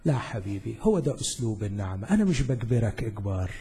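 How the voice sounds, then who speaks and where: A man with an Egyptian Arabic accent voicing God, speaking in a gentle, pleading, hushed and breathy way. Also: fairly low pitch, big pitch swings, fast, voice pushed down, heavily acted. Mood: tender. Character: God speaking softly and lovingly, male.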